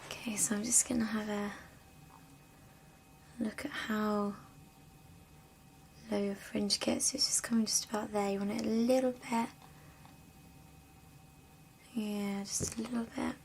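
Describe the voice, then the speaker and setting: A woman playing a hairdresser in an ASMR roleplay, talking in a soft, slow, gentle whisper with occasional spoken lines. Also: mid-range voice, level tone, vocal fry, slight background noise.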